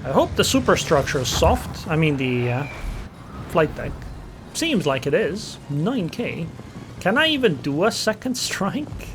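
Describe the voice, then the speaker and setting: Thinking aloud over loud game sounds, a male gamer with a slightly high voice and big pitch swings speaks a little slowly against a noisy background. He's a gameplay commentator whose first language is Estonian, muttering plans and small reactions in casual live commentary amid game engine and gunfire noise.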